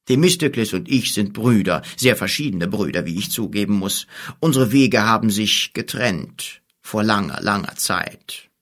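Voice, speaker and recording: Low, unhurried old sorcerer, silky and tempting, voiced by a male audiobook reader. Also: expressive, a bit bright. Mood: calm persuasive. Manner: slow, measured, coaxing. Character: old scheming male wizard, smooth persuader.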